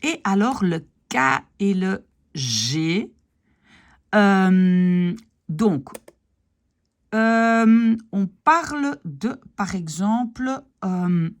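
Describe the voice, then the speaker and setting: A woman's voice: medium pitch, a little mellow. A woman teaching pronunciation, patiently repeating example words one by one and often checking that her students follow. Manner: asks "d'accord?" and "ok?" to check understanding. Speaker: language teacher. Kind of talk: pronunciation lesson.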